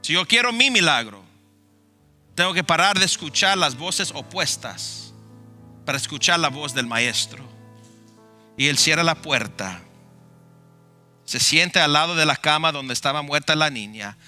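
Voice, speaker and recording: A male pastor preaching a sermon, telling the story dramatically and swinging between loud passion and hushed tones. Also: fairly high pitch, lively intonation, a little slow, long pauses, faint music behind.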